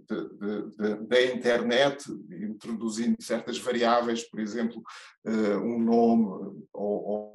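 Keynote speaker: man, European Portuguese accent, halting lecture delivery, mid pitch, roomy hall sound. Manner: hesitant, many fillers and restarts. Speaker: judge and lecturer giving a keynote. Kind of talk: conference lecture.

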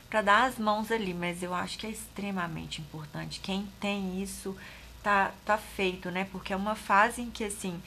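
A woman's voice: mid-range voice, gravelly, a bit bright, a little hiss or hum. A woman doctor with a Brazilian accent, guesting on a talk show and speaking hesitantly, with many fillers and restarts. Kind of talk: casual talk-show conversation.

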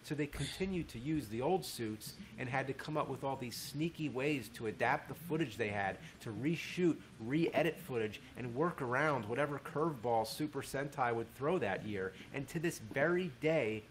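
A man narrates a video essay at a middle pitch, chatty and dry, with the odd wry aside. A faint hiss sits under the recording. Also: animated, normal speed, few pauses, poor audio. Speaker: commentator.

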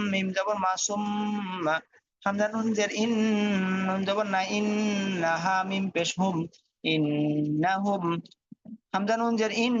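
A man teaching Quran reading, spelling out letters and vowel marks in a steady chant and then reading each whole word. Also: high-pitched. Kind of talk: spelling-out recitation lesson. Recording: dull dry lo-fi audio.

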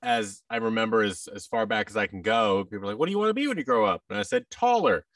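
Speaking quickly and with animation, this actor and audio drama producer, an American guest in his thirties, rambles in a self-deprecating, casual interview chat. His low-leaning voice is fairly bright, with no room sound and clean studio quality, though picked up from afar in a large office via boom-arm mic, headset, and video call.

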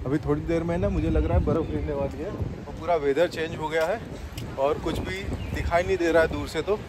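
A man from Gujarat, India, films a walking tour vlog and keeps excitedly telling viewers to look around. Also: on the high side, brisk, noisy background. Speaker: travel vlogger. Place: underground cafe, then outdoors on city streets. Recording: music playing behind the voice.

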